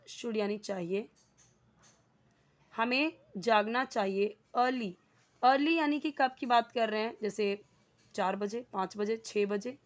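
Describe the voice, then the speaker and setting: A woman with an Indian accent teaching a spoken English lesson, explaining slowly and repeating words and their meanings. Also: fairly high pitch, dull audio.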